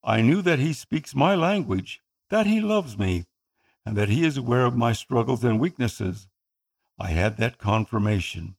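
An earnest man from the Philippines, whose first language is Tagalog, reads scripted first-person narration in a measured way. His gravelly voice sits in the mid-range and comes across as animated.

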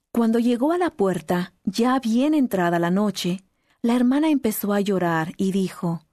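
A woman reading a scripted narration in a calm, measured way. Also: mid-range voice, no echo, studio quality.

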